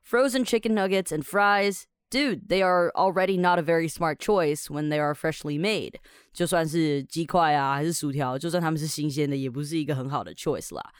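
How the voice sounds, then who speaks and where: A woman's voice: low voice, moderate pace, clean tone, no room sound, studio quality. A woman from Taiwan, hosting a podcast lesson as an English teacher. She is upbeat and chatty and explains words step by step.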